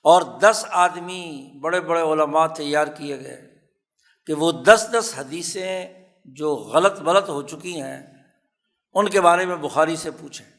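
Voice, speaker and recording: A male religious scholar with a Pakistani Urdu accent delivers a formal lecture and tells his story slowly and deliberately. His voice sits somewhat high for a man, and he stresses key phrases by repeating them. He is recorded in a lecture hall with long reverb. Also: a bit bright. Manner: slow, measured storytelling with emphatic repetition. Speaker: religious scholar teaching hadith.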